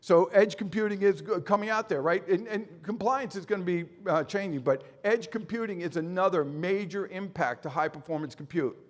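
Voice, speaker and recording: Man, middle-aged, high voice, conference presenter, rhetorical questions, folksy asides. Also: fairly quick, hardly any pauses. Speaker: conference speaker.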